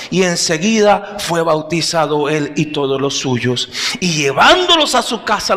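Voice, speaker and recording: High-voiced impassioned male preacher. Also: vocal fry, a bit bright. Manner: impassioned preaching, addresses listeners as brothers. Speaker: pastor. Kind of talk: sermon. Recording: long hall reverb.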